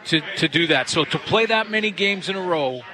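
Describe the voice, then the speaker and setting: Sitting high and sharp in tone, this man talks a little fast and animatedly as he co-hosts a sports show. A former player, he analyzes the psychology of kicking with confidence and plenty of easy laughter.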